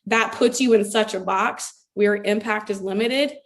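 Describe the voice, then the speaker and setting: A woman's voice: mid-range voice, unhurried. A young adult woman from Ohio, a former elementary school teacher, speaking earnestly and reflectively as an interview guest. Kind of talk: conversational interview.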